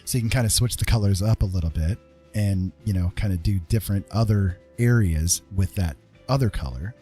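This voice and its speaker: This man is a digital art streamer and instructor walking viewers through a live tutorial in a relaxed, informal way, frequently checking in with little questions. He speaks a little fast in a lowish, mellow voice, with soft background music.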